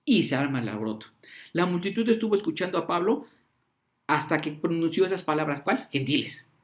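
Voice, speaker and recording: Animated preacher, man. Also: fairly high pitch, fairly quick. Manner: animated, acts out crowd voices with slang. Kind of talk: sermon.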